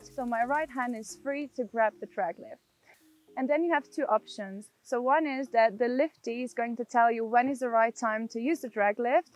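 A young woman speaks as a ski instructor in a tutorial, going through technique one step at a time. Her voice sits on the high side. Light music plays behind her. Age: young adult. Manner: step-by-step, often checking with "yeah?". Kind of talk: instructional tutorial presented to camera. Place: outdoors on a snowy ski slope. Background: background music.

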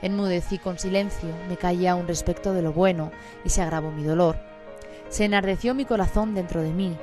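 A woman reads a psalm aloud in a fairly low voice. Her delivery is solemn, measured and even. Music plays clearly behind her throughout. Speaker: scripture reader. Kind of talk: solemn scripture reading.

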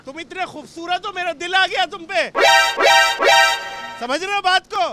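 A man's voice: extremely high pitch, moderate pace, loud music behind the voice. A man, playing a rude street reporter who mocks the people he interviews. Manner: rude, mocking, picks fights with passersby. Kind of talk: mock street interview prank. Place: busy city street outdoors. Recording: street traffic noise.

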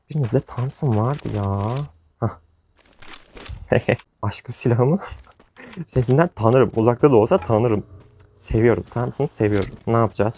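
A man's voice: mid-range voice, darkish tone, a little hiss or hum. A young man giving casual commentary over his own gameplay, often exasperated and venting to viewers. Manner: frustrated, exasperated outbursts, rambling to viewers. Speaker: gaming YouTuber.

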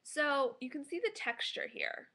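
Bright, high-voiced woman reviewing food. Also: expressive, a little slow, whispered. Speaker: food blogger and product reviewer. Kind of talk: casual food review to camera. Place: small living room at home, indoors.

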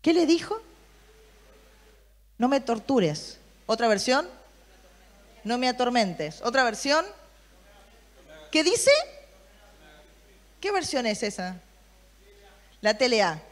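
A woman's voice: fairly high pitch, slow, long pauses, long reverb tail. A woman preaching to a youth group, reading Bible verses and asking the listeners questions. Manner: lively, asks the room questions, reads Bible versions aloud.

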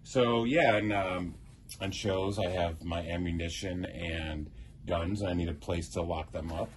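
Speaking in a deep, steady, unhurried voice, a middle-aged man shows off his prop box in a theater prop shop. The tour is casual and rambling, and he names tools with many ums and uhs. There's slight background noise.

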